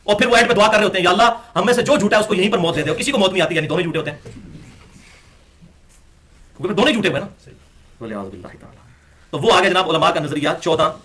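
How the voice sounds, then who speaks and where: A man delivers a religious lecture in a high voice, citing books and reading passages aloud. His tone is bright and forceful. He swings between raised, emphatic phrases and low, quiet asides. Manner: emphatic, quotes sources and reads passages aloud.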